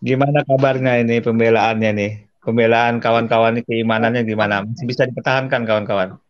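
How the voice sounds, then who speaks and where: A man joining a debate by call, speaking haltingly and repeatedly addressing his listeners as friends. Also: medium pitch, fairly even intonation, no echo. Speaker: guest debater. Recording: dull lo-fi call audio.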